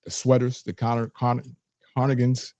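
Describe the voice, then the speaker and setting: A man's voice: mid-range voice, monotone, normal speed, mellow, no room sound. A man hosting a casual, conversational interview. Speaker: interview show host.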